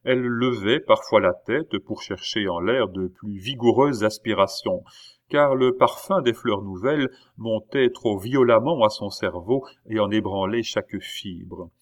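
A man narrating a classic novel aloud in a measured way, with the odd hesitation. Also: on the low side. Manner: measured reading with occasional hesitations. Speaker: audiobook narrator. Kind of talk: literary audiobook narration.

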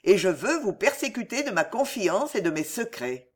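A woman's voice: mid-range voice, very animated, moderate pace, slightly rough. A woman voicing an ardent young nobleman who speaks earnestly, in an audiobook reading.

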